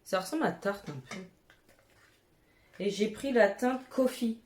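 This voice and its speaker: A little slow and darkish in tone, this woman's medium-pitched voice carries a casual haul chat from home with her cat nearby. The beauty vlogger gushes with exclamations and casual swearing, recorded in an echoey room with faint noise.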